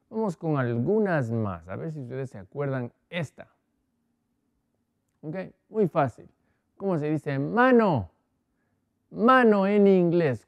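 Slow, patient male language teacher. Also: fairly high pitch, gravelly, dry recording. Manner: slow, patient, repeats each word. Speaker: English teacher. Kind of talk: televised language lesson for Spanish speakers.

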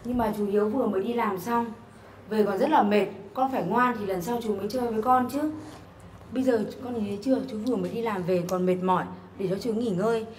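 A woman's voice: mid-range voice, fast talker, darkish tone, a little hiss or hum, natural voice. Woman playing an apologetic single mother. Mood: gentle. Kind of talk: web drama acting.

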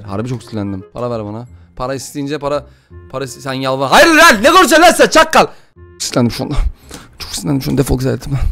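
A young man playing a life-simulation game and commenting fast in a casual, excitable way, often jumping into loud, high outbursts and joking curses. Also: creaky. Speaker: gaming YouTuber. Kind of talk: gameplay commentary.

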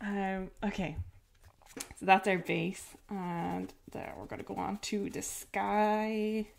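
A woman with a rural Irish accent hosts a painting livestream, chatting casually and poking fun at herself as she works, with lots of filler words. Her mid-range voice is animated yet very slow, with vocal fry, long pauses and a darkish tone over slight background noise.

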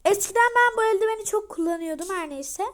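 A young girl hosting a casual game showcase vlog, chatty and rambling with many fillers, talking loudly so she can be heard. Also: very high voice, fast. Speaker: channel host.

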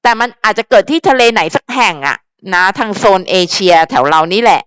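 A young woman hosting a fan channel, chatting casually and at length to her viewers in a rambling, animated way full of fillers. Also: mid-range voice, fairly quick, smooth, no echo.

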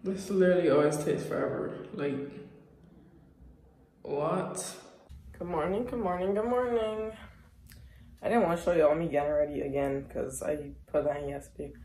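A woman's voice: deep voice, lively intonation, normal speed, pauses often, dark tone. A young woman in casual vlog chat, talking upbeat and loose with lots of fillers into a phone camera in her apartment. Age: young adult. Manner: chatty, filler-heavy, upbeat. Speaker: vlogger. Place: small apartment indoors. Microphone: phone camera at arm's length.

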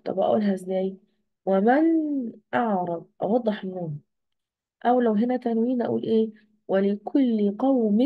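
Speaking with an Egyptian Arabic accent, this woman, her voice on the high side, reviews exam material online by asking questions and supplying the answers herself. The recording is dry, and the audio sounds narrow and tinny.

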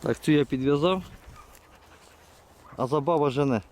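A man filming his hunt with hounds in fields and woods, giving a hushed, muttered running commentary to viewers on a handheld camera and calling to his dogs. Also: fairly high pitch, moderate pace. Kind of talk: live outdoor hunting commentary to viewers.

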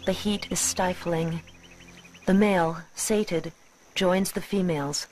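A woman reading scripted nature documentary narration in a measured, expository way. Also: on the low side, steady tone, a little mellow, soft background music, rough recording.

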